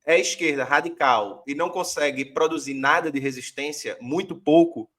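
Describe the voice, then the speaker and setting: A man's voice: a little high, moderate pace, fairly bright tone. A man from Brazil arguing a political point as a guest author, reflective and using many fillers. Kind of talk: political discussion.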